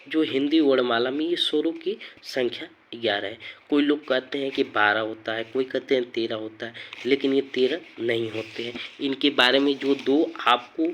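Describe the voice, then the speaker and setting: A man teaching Hindi grammar, explaining slowly and repeating phrases as he goes. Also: medium pitch, fairly bright tone, a little hiss or hum. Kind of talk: slow classroom explanation. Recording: dull lo-fi sound.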